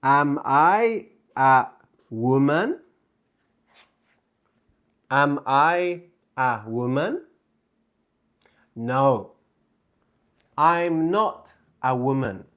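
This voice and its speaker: A man leads a beginner lesson at an extremely slow pace. He spells out words and repeats each phrase, his pitch rising and falling in a lively way. The recording sounds a little dull and lo-fi. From England. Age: 30s. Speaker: English teacher.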